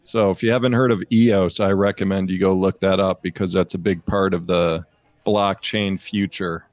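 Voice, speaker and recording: Low-voiced male co-host, dull dry sound. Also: fairly even intonation, moderate pace, no room sound. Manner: easygoing, rambling explanations. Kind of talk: casual live show chat.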